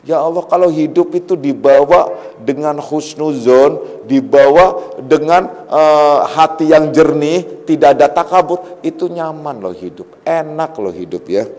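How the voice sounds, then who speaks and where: A middle-aged man giving a conversational religious lecture as a spiritual teacher, relaxed and joking, telling personal anecdotes. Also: fairly high pitch. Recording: long reverb of a hall.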